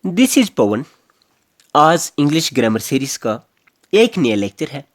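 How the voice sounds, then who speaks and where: Male teacher, animated grammar lecture, close dry sound, repeats points to drive them home. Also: on the high side, a little slow, dry recording. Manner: explains step by step, repeating key phrases.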